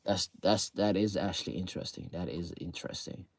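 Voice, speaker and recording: With a steady tone and fairly quick delivery, a low-pitched streamer talks casually to viewers about a game league, rambling and repeating himself with lots of fillers. His throat is sore, his voice is getting low, and there's a little hiss or hum in the audio.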